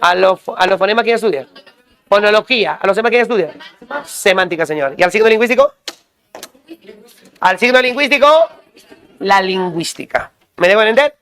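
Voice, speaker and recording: A male teacher drilling students with quick questions and repeated call-and-response prompts. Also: sits high, animated, fairly bright tone. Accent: Peruvian Spanish. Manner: quizzing, repetitive call-and-response.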